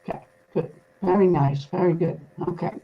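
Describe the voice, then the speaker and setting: A woman's voice: fairly low pitch, moderate pace, gravelly, husky, muffled recording. A woman hosting a casual live-stream chat over a video call, asking guests questions and advising viewers. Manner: guiding, asks questions, gives advice to viewers.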